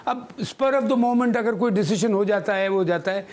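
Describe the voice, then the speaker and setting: Older man, emphatic cricket analyst, high voice, studio talk. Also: measured pace, darkish tone. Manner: emphatic, mixes English phrases. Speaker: cricket analyst, former chief selector.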